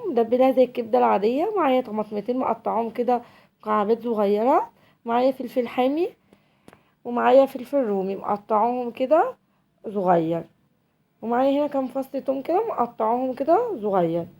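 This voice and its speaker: A woman's voice: fairly high pitch, warm tone. An Egyptian woman with a cold, hosting her home cooking channel and chatting directly to viewers as she cooks. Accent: Egyptian Arabic. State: has a cold.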